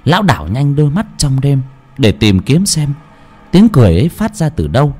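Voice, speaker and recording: A man narrating a horror story in a slow, dramatic, suspenseful way. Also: mid-range voice, big pitch swings, darkish tone, breathy edge.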